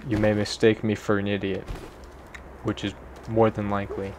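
A young man talks through a game in a loose, rambling way, mocking himself and swearing offhandedly. His voice sits a little low. A faint hiss runs under it. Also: monotone, moderate pace. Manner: rambling, self-deprecating, swears casually. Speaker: gaming video creator. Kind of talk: casual gameplay commentary.

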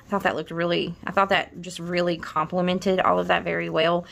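Gravelly middle-aged woman rambling about her planner kits, lots of restarts, soft and wistful. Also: fairly low pitch, flat delivery, a little fast. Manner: chatty, rambling, often restarting and trailing off; tender and wistful. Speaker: planner vlogger. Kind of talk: casual show-and-tell of planner kits.

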